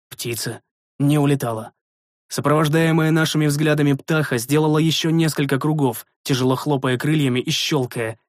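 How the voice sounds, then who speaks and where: A man's voice: fairly high pitch, no echo. Man narrating a story, dry sound. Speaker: audiobook narrator. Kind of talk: first-person fiction narration.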